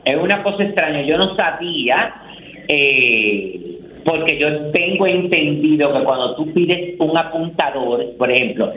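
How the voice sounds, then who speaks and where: A man co-hosting a radio talk show, talking in a theatrical, exclaiming way with big swoops in pitch. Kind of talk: casual studio banter. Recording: roomy, dull sound with faint noise.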